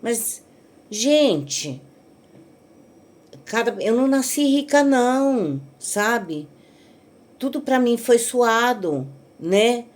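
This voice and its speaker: Uma mulher mais velha com sotaque brasileiro, desabafando com os seguidores num vídeo e imitando as falas dos outros com animação. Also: female voice, fairly high pitch, drawn-out words, long pauses. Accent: Brazilian Portuguese. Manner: animated storytelling, acts out quotes of others. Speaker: vlogger. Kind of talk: venting monologue to viewers.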